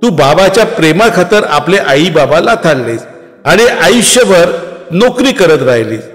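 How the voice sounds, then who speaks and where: A man putting on a brash young woman, loud and high. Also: very animated, unhurried. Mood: defiant. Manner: brash, self-assured. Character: defiant ambitious young actress, about twenty. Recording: long reverb, faint music.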